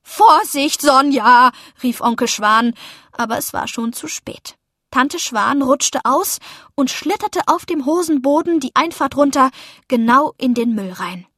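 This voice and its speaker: A woman reads a children's story aloud in the first person, lively and expressive. Her voice sits high, and the close recording sounds dry, with no room around it. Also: unhurried, no echo. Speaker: narrator. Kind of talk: audiobook narration of a children's story.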